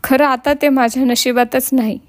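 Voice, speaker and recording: A woman's voice: high voice, fairly even intonation, normal speed, close to an everyday voice. A woman voicing a blind, ailing village woman who speaks in a sad, pleading rustic way. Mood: sorrowful.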